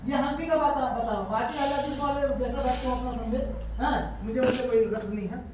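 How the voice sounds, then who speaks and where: A man teaching step by step how to pray, repeating points, asking his student questions, and chanting the prayers slowly. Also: very high voice, noisy background. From India. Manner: slow melodic chanting of prayers. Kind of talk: step-by-step prayer lesson with recitation. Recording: echoey room, voice from far off.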